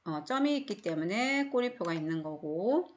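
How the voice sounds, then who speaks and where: This recorded online English lesson features a middle-aged woman with a Korean accent teaching phonics, patiently explaining words and repeating them frequently. Her voice is mid-range and expressive, at a moderate pace.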